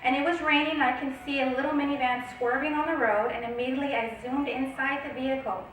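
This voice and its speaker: A woman casually reading out and telling a long dream to her viewers, often stopping to check in with a quick "okay?". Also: sits high, fairly even intonation, fairly bright tone, very echoey, recorded from a distance, a little hiss or hum, poor audio. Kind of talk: casual storytelling narration.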